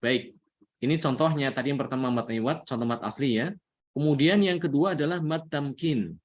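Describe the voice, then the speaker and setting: A man's voice: mid-range voice, moderate pace. A man with an Indonesian accent teaching a Quran recitation lesson, patiently repeating each point and often adding "ya". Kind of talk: religious lesson.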